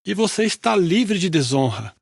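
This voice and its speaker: Man doing a high, lively, indignant ancient king. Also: moderate pace, creaky, no echo, clean studio sound, heavily acted. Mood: conciliatory. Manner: pleading, protesting. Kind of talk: Bible audio reading.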